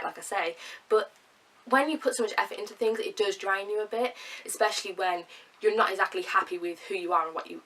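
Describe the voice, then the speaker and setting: A young woman with a cold talks earnestly to camera in a chatty vlog, her voice nasal, mid-range and sharp with vocal fry. She chats casually with fillers and laughs. The audio is poor, recorded from a distance.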